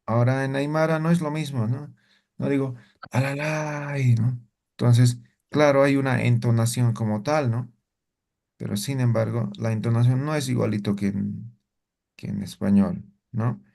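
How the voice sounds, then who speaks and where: A man teaching a language class, explaining slowly and often asking his students questions with tag questions. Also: mid-range voice, fairly even intonation, gravelly, warm tone.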